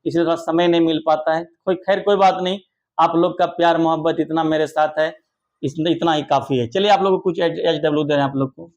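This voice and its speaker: Young male tutor, high voice, warm coaxing classroom manner with loud praise. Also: fairly even intonation, fairly quick, highs cut off. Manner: affectionate, coaxing, calls pupils "babu", praises loudly. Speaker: English teacher. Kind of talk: online classroom lesson for children.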